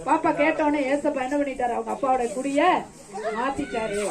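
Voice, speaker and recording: Outside in the rain, with a group of children chattering all around, a children's ministry teacher with a high-pitched voice tells them a Bible story a little fast. She keeps asking them questions and answering them herself, coaxing them fondly along the way.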